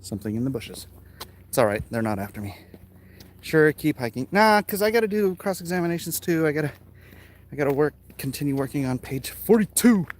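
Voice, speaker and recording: Walking hilly residential streets, a middle-aged American vlogger and artist talks casually and rambling to his viewers, offhand and poking fun at himself, slightly out of breath from the uphill climb. He sounds on the high side, brisk, with lively intonation, in a noisy outdoor recording with clicks.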